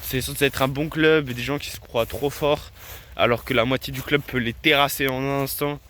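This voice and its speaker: A man's voice: medium pitch, steady tone, moderate pace, a bit bright, slight background noise. A young man, chatting casually to his viewers in a self-mocking way and laughing often. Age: late teens. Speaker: vlogger. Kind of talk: casual vlog chat.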